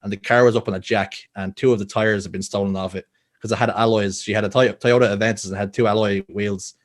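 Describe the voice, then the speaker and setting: With a fairly low pitch, a steady tone and a quick pace, a young Irish guest from Dublin shares personal stories on a laid-back podcast. He's earnest and keeps restarting his sentences.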